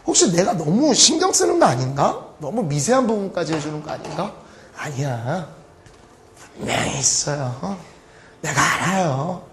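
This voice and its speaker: A man's voice: fairly high pitch, moderate pace, a crowd in the background. A man teaching an online English grammar lecture, joking and acting out his students' questions. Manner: lively, joking, acts out students' voices.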